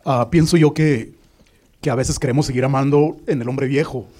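A man making a comment during a Bible study, halting and repeating words as he thinks. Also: mid-range voice, steady tone, a little mellow. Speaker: church member.

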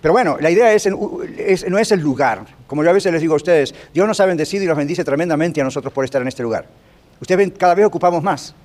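A man gives a sermon-style Bible lesson to his congregation. His voice sits a bit high, and he speaks very quickly. His tone is conversational, and he keeps turning to the listeners with questions. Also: a little mellow. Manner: rapid, conversational, asks the audience questions often. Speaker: pastor teaching a church class. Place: large rented gym used for church meetings.

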